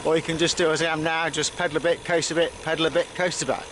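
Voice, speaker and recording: This UK cycling vlogger speaks quickly in a fairly high voice with little pitch movement, chatting to camera as he pedals along an outdoor path. He rambles with fillers and restarts, and wind and road noise can be heard.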